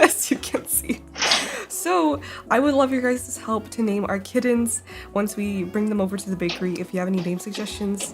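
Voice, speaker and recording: A young woman giving casual, bubbly commentary on a Minecraft build, giggling often and squealing when excited. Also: mid-range voice. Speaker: Minecraft YouTuber. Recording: loud music bed behind voice. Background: loud background music.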